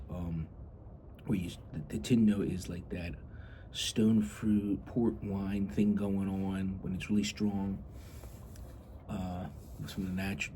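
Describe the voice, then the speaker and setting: A man's voice: sits low, dark tone, a little hiss or hum. A man chatting casually and rambling as a hobby vlogger, blunt and grumbling, with some mild swearing.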